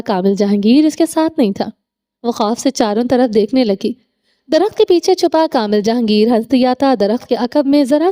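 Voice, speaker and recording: A woman reading a romance novel aloud with steady, dramatic storytelling. Her voice is fairly high-pitched yet dark and mellow. Scripted audiobook narration.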